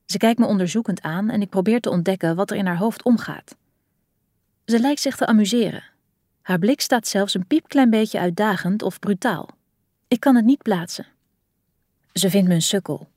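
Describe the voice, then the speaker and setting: A woman reads a first-person novel aloud with expressive storytelling. Her voice sits mid-pitch. The recording is dry and close. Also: moderate pace, dry recording. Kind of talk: audiobook narration.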